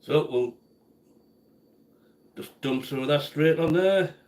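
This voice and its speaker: A man's voice: on the high side, slow pace, darkish tone. A man hosting a casual cooking livestream from his home kitchen, chatting and answering viewers by name as he cooks. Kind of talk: casual live-stream chat while cooking. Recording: echoey kitchen room sound.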